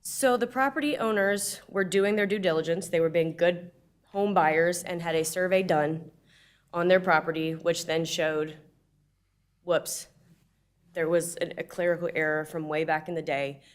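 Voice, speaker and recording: A woman's voice: lowish voice, steady tone, moderate pace. A woman giving an informal staff presentation at a public meeting in a plain, explanatory manner.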